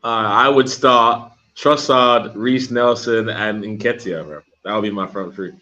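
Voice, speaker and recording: A man in a casual football chat, relaxed and slangy, calling others bro. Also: fairly low pitch, unhurried, lo-fi sound. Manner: relaxed slangy talk, says bro and bruv. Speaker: podcast guest.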